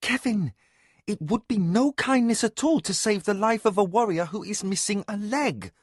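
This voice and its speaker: A man voicing a noble ruling lady, commanding even in grief. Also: high-pitched, moderate pace, dry recording, studio quality, pitched above the performer's own voice. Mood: firm. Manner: imperious.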